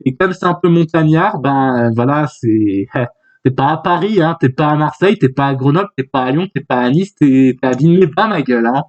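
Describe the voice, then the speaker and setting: A man's voice: mid-range voice, moderate pace. Rambling jokey young man, lo-fi mic. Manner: rambling, jokey, many fillers and restarts. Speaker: youtuber. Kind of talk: joking manga read-along commentary. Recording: dull lo-fi sound.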